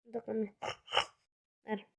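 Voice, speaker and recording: A woman chatting casually as a vlogger, halting and often restarting her sentences. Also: on the high side, flat delivery, gravelly. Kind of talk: casual chat. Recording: tinny phone-like sound.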